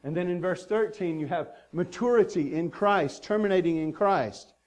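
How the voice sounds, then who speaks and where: A man's voice: high-pitched, moderate pace, a little mellow. A man preaching a sermon as pastor, earnest and emphatic, stacking repeated phrases.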